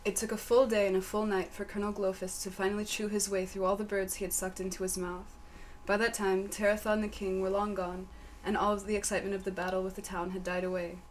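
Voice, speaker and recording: A woman narrates a silly fantasy story in a flat, matter-of-fact tone and lets the absurd lines land without any emphasis. Her pitch is mid-range, and a faint hiss sits under the voice. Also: quick pace. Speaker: story reader. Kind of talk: deadpan comic narration.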